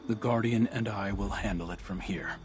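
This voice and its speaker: An actor playing a stern, grieving military commander in a video game, grave, terse and commanding. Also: male voice, lowish voice, moderate pace, over music, close to an everyday voice. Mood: bitter, vengeful. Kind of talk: dramatic video game acting.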